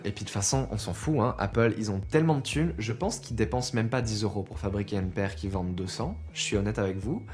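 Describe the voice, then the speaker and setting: A man's voice: fairly low pitch, darkish tone. A man giving an opinionated consumer rant to viewers, exasperated and emphatic, conversational and full of rhetorical questions. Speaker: video presenter.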